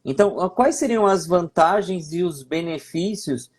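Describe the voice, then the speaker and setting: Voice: mid-range voice, animated, unhurried, darkish tone, husky. A host of a live-stream interview, asking the guest questions and passing on viewers' questions.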